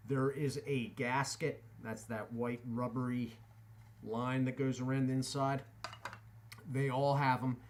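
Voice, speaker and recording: Slow-talking man with a lip full of dip. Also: medium pitch, flat delivery. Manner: talks with tobacco pouches tucked in his lip; deliberate, halting delivery in short phrases. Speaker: product reviewer. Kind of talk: casual product review vlog.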